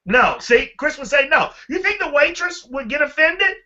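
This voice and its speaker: A man leading a motivational team training call, energetic and animated, calling on listeners by name. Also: extremely high pitch, moderate pace, dull audio. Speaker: team leader.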